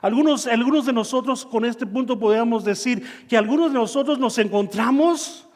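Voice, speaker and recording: A man preaching a sermon, telling a personal story and acting out his own shouts and dialogue, in a church hall. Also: very high voice, normal speed. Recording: long reverb of a church hall.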